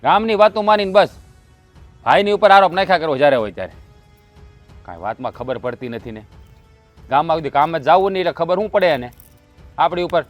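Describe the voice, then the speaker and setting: An actor playing a short-tempered, defensive elder brother and farmer, speaking with a Kathiawadi Gujarati accent. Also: male voice, on the high side, expressive, soft background music, natural voice. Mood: grumbling. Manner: defensive and quick to snap. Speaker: elder brother in a land feud. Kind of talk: rural family drama acting.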